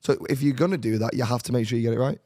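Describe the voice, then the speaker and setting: Fast, blunt Mancunian man. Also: mid-range voice, warm tone, dry recording, studio quality. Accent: Manchester English. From northern England. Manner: blunt, sweary, quick to get heated. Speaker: podcast host. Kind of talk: casual chat.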